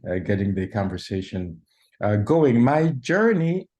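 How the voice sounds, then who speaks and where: A man from Sudan, a journalist answering interview questions in a measured way, often pausing and restarting. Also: lowish voice, very animated, a little mellow. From South Sudan / Sudan. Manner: measured, with frequent hesitations and restarts. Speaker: journalist guest.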